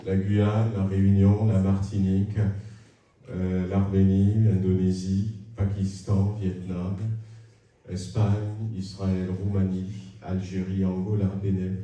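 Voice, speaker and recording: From a distance in a cavernous, echoing church hall, a man reads announcements to the congregation. He is friendly but hesitant, with frequent filler sounds. His low, mellow voice is slow and completely flat.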